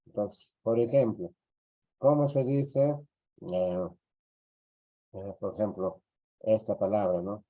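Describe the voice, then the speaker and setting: A Peruvian man teaching an online class, talking slowly and checking in with short tag questions. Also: lowish voice. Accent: Peruvian Spanish. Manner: slow, repetitive, tag questions. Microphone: computer mic on a video call. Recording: dull lo-fi audio.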